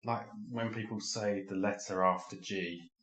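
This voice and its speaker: A man with a very low voice chats easily on a podcast, agreeing often and adding his own pet peeves. He sounds relaxed. His voice carries a roomy echo. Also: a little slow. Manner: easygoing, agreeable, frequent backchannel. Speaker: podcast co-host. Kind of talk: casual chat.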